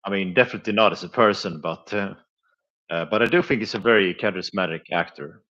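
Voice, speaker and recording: A man with a deep, low-pitched voice talks casually to viewers on a live stream while reviewing flea market finds. He speaks haltingly, filling gaps with small sounds and chuckling quietly and often. The recording sounds dull and slightly muffled.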